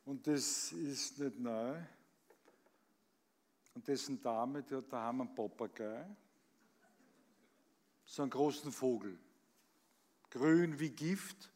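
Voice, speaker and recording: A man's voice: medium pitch, slow, long pauses, darkish tone. A man with an Austrian accent reciting comic poems on stage with a theatrical, emphatic delivery. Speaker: actor reading on stage.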